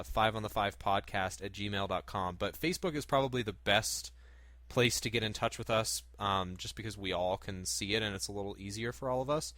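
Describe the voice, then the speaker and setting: A man's voice: on the low side, sharp tone, no echo, clean studio sound. A man hosting a gaming podcast in casual, conversational chat. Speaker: podcast host.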